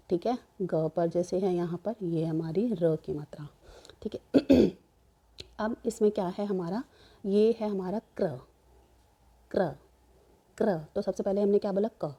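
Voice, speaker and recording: A woman's voice: fairly low pitch, mellow, husky. A woman teacher giving a grammar lesson, explaining step by step and asking and answering her own questions. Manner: repeats "ठीक है" to check understanding.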